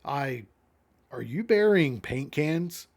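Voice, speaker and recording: A man's voice: fairly high pitch, lively intonation, takes it slowly, a little mellow, full character voice. Uneasy hesitant survey worker, startled, read by a man, comic recap.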